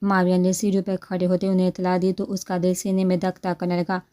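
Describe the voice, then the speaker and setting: Woman reading a novel, mellow voice. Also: fairly low pitch. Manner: steady, expressive reading. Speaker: audiobook narrator. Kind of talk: reading a romance novel aloud.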